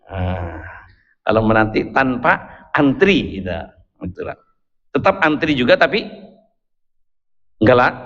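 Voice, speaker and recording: A man's voice: mid-range voice, fairly bright tone. A male preacher giving a sermon, telling a story with playful asides to his listeners. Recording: dull, echoey hall recording.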